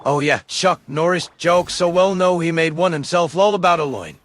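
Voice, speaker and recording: A man's voice: fairly high pitch, normal speed. A synthetic male voice reading out livestream chat messages.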